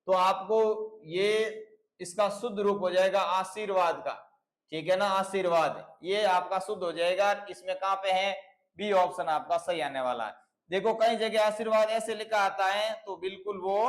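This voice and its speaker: A man's voice: high voice, low-quality recording. A man with a Rajasthani Hindi accent explaining exam questions as a teacher, repeating key words and checking in with his listeners. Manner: repetitive, checks in with "theek hai na".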